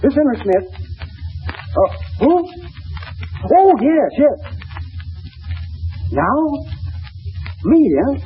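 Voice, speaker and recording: A man's voice: very high-pitched, sing-song, drawn-out words, long pauses, faint music behind, full character voice. A man playing a folksy, hesitant suburban husband and father in 1940s radio drama style. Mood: eager, proud. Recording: muffled old 1940s radio recording.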